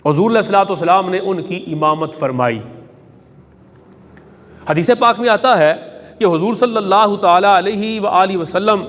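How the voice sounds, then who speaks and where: A man's voice: sits high, fairly bright tone, in a large hall. A man preaching a Friday sermon, telling a sacred story reverently and reciting Arabic hadith.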